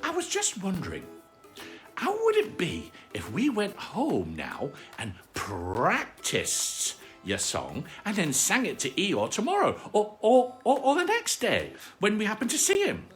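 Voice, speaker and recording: A storyteller doing timid little Piglet, higher-pitched. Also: wildly swooping pitch, unhurried, a bit bright, soft background music. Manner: hesitant, questioning. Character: small, timid, anxious young toy piglet.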